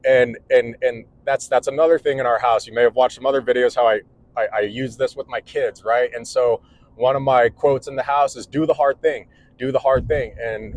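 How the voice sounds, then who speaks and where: A man's voice: mid-range voice, fairly even intonation, moderate pace, rough recording. Earnest rambling man in his forties. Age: 40s. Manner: rambling, earnest, restarts often. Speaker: electrical contractor vlogger. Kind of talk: casual vlog monologue. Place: indoors at home.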